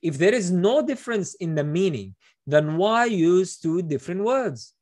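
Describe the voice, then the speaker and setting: A middle-aged host with a high, darkish, animated voice explains scripture over a video call, speaking at a moderate pace from a small indoor room through a webcam. He is emphatic and builds his points with rhetorical questions.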